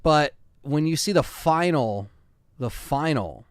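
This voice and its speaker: A man's voice: fairly high pitch, animated, slow, smooth, no echo, clean studio sound. A man in his thirties hosting a live stream, chatting casually and reading viewer comments with loose fillers. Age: 30s.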